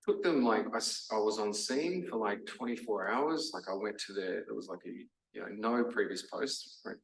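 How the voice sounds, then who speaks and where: A fairly low, gravelly-voiced Australian man gives a casual masterclass talk at normal speed with lively intonation. He's chatty and full of fillers like "um" and "like," recorded from a distance in a roomy lecture hall.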